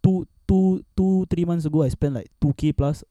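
Young male podcast co-host, Singaporean accent, slangy Singlish storytelling, very mellow timbre, recorded dry. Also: fairly high pitch, normal speed, no echo. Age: young adult. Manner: colloquial Singlish with slangy sentence particles. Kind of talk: casual chat, storytelling.

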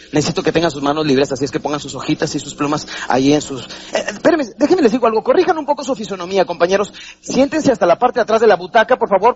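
A man's voice: high-pitched, highs cut off, a little hiss or hum. A Mexican man giving a live motivational seminar talk in a hall, theatrical, acting out little voices and quizzing his audience. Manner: animated, theatrical, acts out voices and questions the audience. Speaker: motivational speaker.

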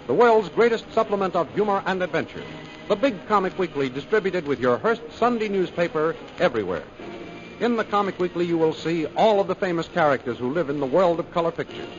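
Man, old radio announcer, highish voice, formal showman delivery, scripted promo, dull vintage broadcast sound. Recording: band-limited old radio with faint music.

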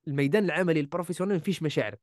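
Voice-over artist guest, Algerian man, rapid emphatic chat, a touch high. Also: a little mellow, no room sound, clean studio sound. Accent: Algerian Arabic. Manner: emphatic, repeats key words, mixes in French and English. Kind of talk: casual interview chat.

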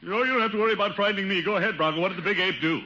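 An actor playing a pompous, easily rattled middle-aged official in a 1950s radio sitcom, with a booming laugh. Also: male voice, racing, bright, forceful tone, lo-fi sound. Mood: blustery. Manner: boisterous laugh, blustering then nervously talking to himself. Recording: hissy old radio broadcast recording.

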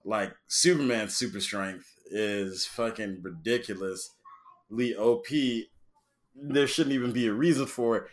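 A man's voice: fairly low pitch, unhurried. A man co-hosting a podcast, talking in a loose, rambling, profane way about comic book powers. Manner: profane, rambling, laid-back. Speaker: podcast co-host. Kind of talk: casual chat.

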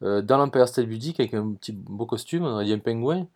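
A man's voice: medium pitch, animated, fast, darkish tone. A podcast host with a Marseille accent who tells travel stories enthusiastically, repeats words and restarts his sentences, and talks straight to his listeners. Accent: Marseille French. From southern France. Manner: enthusiastic, addresses listeners directly. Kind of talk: travel storytelling.

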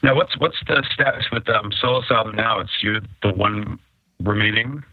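A man's voice: on the low side, moderate pace. Man on a call dropping out. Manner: apologetic when his connection breaks up. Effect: call dropping out, glitching robotic audio. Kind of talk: casual interview questions. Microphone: remote call. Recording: glitchy, tinny internet call line.

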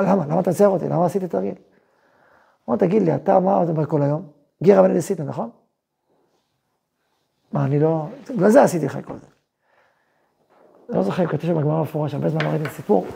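A man teaching a Torah class as a rabbi, telling a story and acting out its voices with emphatic, lively delivery. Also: fairly high pitch, vocal fry, breathy edge. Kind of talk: animated Torah lesson with storytelling.

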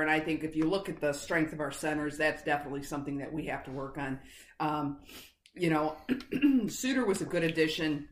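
A woman's voice: deep voice, reverberant. A woman co-hosting a casual sports podcast, chatty, interrupting herself and laughing easily. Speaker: podcast co-host.

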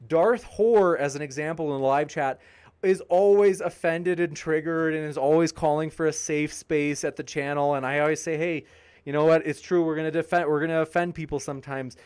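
A man's voice: on the high side, steady tone, a little fast, darkish tone, clean tone. A man hosting a debate channel's live stream, reading viewer comments aloud and joking with the chat in an upbeat way. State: tiring, pausing to drink.

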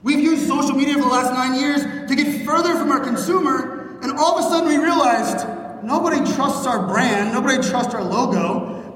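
A man in his thirties from Pittsburgh giving an energetic conference keynote with punchy jokes, recorded on a phone from a stage in a large hall. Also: very high-pitched, distant mic. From Pittsburgh, Pennsylvania, USA. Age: 30s. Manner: fast, punchy, joking with the crowd. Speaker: keynote speaker.

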